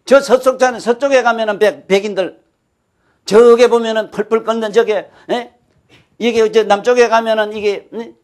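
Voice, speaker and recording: An older man with a Gyeongsang Korean accent lectures an audience in a folksy way. His voice sits high for a man. He keeps turning to his listeners with quick checks and rhetorical questions. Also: steady tone. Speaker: folk-culture lecturer.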